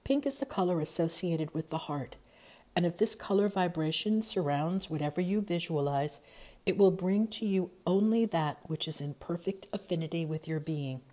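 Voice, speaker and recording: A woman narrating a scripted guided meditation in a soothing, hypnotic, measured way, softening into breathiness at the ends of phrases. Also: on the low side. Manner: soothing, measured, hypnotic delivery with long pauses.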